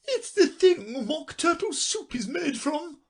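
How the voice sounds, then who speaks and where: A man voicing a furious, imperious queen who shouts her commands in a storybook reading. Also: extremely high pitch, sing-song, slow, voice pushed up, exaggerated voice.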